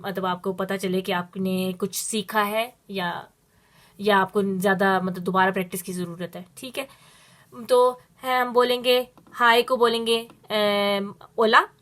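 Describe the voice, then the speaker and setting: Bright-voiced woman teaching Spanish. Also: mid-range voice. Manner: explains step by step with slow, drawn-out Spanish examples. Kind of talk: spoken language lesson.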